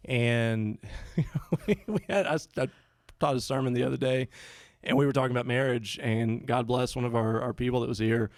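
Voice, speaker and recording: A man who is a pastor, hosting a casual podcast chat with his wife, earnest and joking, slowing down for emphasis. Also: mid-range voice, no room sound, studio quality.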